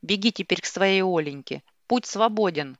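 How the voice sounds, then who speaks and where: A woman's voice: mid-range voice, expressive, normal speed, no room sound, natural voice. A woman playing a spiteful screaming young mother. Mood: furious. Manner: screaming insults. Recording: dull dry lo-fi recording.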